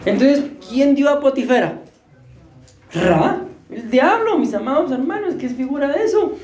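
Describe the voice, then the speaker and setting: A man's voice: very high voice, expressive, normal speed, a little mellow, roomy sound. A man preaching a sermon, joking and questioning his congregation, short of breath. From Costa Rica. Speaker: pastor. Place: church hall.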